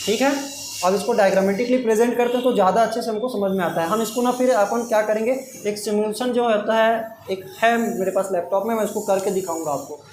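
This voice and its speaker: This middle-aged math teacher speaks quickly in a high voice, with fairly even intonation and hardly any pauses. He quizzes his students and supplies the answers himself, call-and-response fashion. The recording carries classroom echo and a faint hiss.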